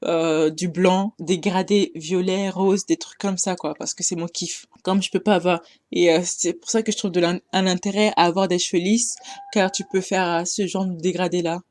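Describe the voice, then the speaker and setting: A woman's voice: fairly low pitch, steady tone, normal speed, darkish tone, dry recording. A young woman giving a casual storytime monologue, exhorting her listeners with passion and many hesitations. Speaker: storyteller addressing her audience.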